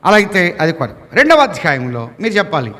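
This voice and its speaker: A man's voice: a little high, big pitch swings, a little fast, a bit bright, long reverb tail. A male pastor preaching a sermon with a Telugu accent, posing rhetorical questions and building repeated lists.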